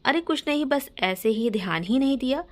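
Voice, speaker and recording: A woman's voice: sits high, expressive, moderate pace. A woman voicing a loyal young woman who earnestly defends herself to her friend. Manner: pleading, earnest.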